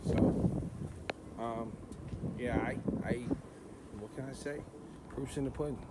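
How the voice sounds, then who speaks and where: A man's voice: medium pitch, steady tone, takes it slowly. A man with a Philadelphia accent hosting a car channel, talking in a laid-back, chatty way and swearing casually. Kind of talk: casual vlog talk. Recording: noisy outdoor ambience. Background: outdoor noise.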